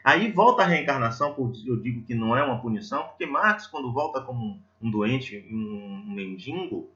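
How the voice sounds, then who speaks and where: A Brazilian man with a bright, mid-range voice preaches on a lo-fi recording, speaking expressively and a little fast. He is a lay preacher at a Spiritist centre, giving a religious talk that mixes storytelling with reflective questions, in a didactic, conversational manner that poses rhetorical questions to his listeners.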